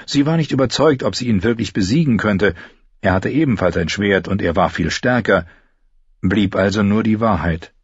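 A male audiobook narrator with a low, husky voice who tells the story at a steady, measured pace. The recording is close and dry, with a somewhat dull, lo-fi sound. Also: no echo.

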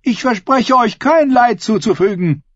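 A man's voice: extremely high pitch, animated, measured pace, no room sound, dull audio, voice pushed up, full character voice. A man voicing a bold, mocking young woman who teases a crowd of sea captains in an audiobook. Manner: teasing, cocky, commanding.

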